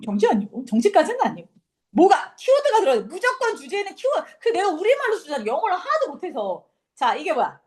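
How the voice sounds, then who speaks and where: A woman's voice: extremely high pitch, wildly swooping pitch, fast, a little mellow. A young woman teaching an English class, lecturing casually and quizzing her students.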